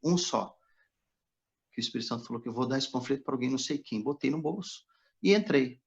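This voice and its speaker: Pastor, male, gravelly, storytelling testimony, quotes dialogue himself, muffled lo-fi sound. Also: mid-range voice, animated, fast. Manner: narrates dialogue, quoting others in his own voice. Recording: dull lo-fi recording.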